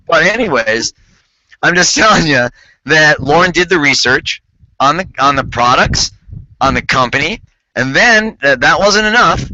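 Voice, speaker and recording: A man's voice: a little high, highs cut off, a little hiss or hum. A man hosting a casual talk show, telling a story with lots of restarts and quoted dialogue. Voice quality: bright, animated storytelling with many restarts. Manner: quotes others in acted-out dialogue, laughs often. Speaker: host. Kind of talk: casual chat.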